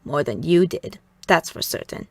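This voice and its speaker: Woman putting on a raspy, scornful housemistress. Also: low voice, lively intonation, moderate pace, darkish tone, no echo, voice pushed down, exaggerated voice. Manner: blunt and scornful. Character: harsh, coarse middle-aged woman who runs the house.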